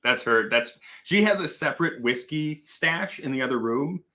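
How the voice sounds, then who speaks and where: A man's voice: mid-range voice, expressive, normal speed, sharp tone. A man hosting a casual livestream, chatting, laughing often and reading out viewer comments. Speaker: host.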